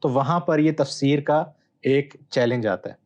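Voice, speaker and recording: A man, a Bible scholar guest, explaining texts in a measured, teacherly way with hesitant pauses. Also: mid-range voice, darkish tone, highs cut off. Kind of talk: explanatory interview answer.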